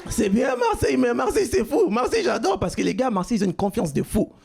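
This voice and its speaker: High-voiced gravelly comic shouting punchlines. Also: male voice, big pitch swings, fast. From Cuba. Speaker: stand-up comedian. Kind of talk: stand-up comedy set. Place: comedy club stage. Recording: live club recording with crowd. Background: audience laughter.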